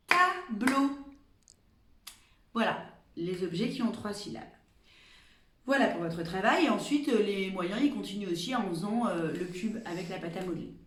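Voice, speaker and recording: A woman working as a preschool teacher, giving gentle, clear instructions to small children in a remote lesson. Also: medium pitch, echoey room, distant mic, slight background noise.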